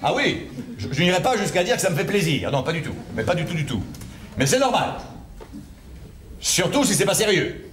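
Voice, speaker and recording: A man's voice: high voice, sing-song, fairly quick. A man playing a jilted former partner in an amateur audio drama, rambling and stammering with nervous laughs. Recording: roomy amateur recording with noise.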